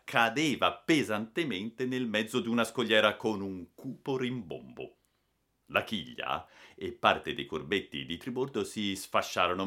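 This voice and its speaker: Expressive low-voiced male storyteller. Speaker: narrator. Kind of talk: dramatic audiobook narration.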